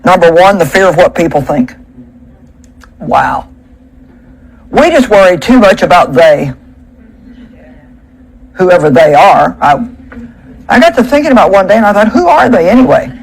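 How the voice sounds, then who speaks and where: A woman preaches at a pulpit microphone in a plain, conversational way. She presses her points with emphasis and pauses on rhetorical questions. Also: lowish voice, animated, low-quality recording. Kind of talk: sermon.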